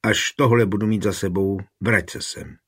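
A man reading the lines of a dying queen in an audiobook, speaking softly and frankly. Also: on the low side, steady tone, husky. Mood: tender, weak.

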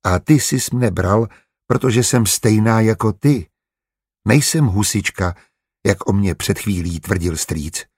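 A man voicing a sharp-tongued, stubborn young merchant wife in an audiobook, blunt and quick to argue. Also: lowish voice, husky, no echo, clean studio sound. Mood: quiet, hurt. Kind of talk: audiobook character voice.

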